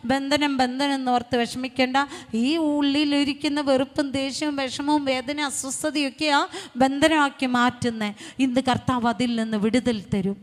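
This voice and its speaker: A woman preacher giving a fervent sermon and testimony, speaking in short repeated phrases that build to loud exhortation. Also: high-pitched. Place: retreat centre hall. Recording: long hall reverb.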